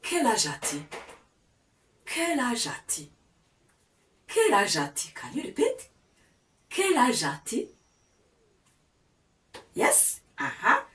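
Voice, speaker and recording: A woman with a Rwandan accent teaches a language lesson in a slightly high, fairly bright voice, her pitch swinging widely as she speaks slowly and pauses often. She patiently coaxes listeners to repeat after her with many "yes?" and "aha" prompts. The room is echoey and she sits a bit far from the mic.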